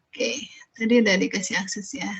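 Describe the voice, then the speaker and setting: A woman presenter talking casually and pausing often while she struggles to share her screen. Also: mid-range voice, steady tone, creaky, husky, no room sound, rough recording.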